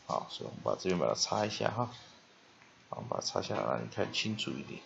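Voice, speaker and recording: Low-voiced man teaching pronunciation drills. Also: big pitch swings, creaky, dull audio, a little hiss or hum. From Taiwan. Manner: drills words slowly syllable by syllable, then reads aloud loudly. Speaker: English teacher. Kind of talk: spelling and pronunciation lesson.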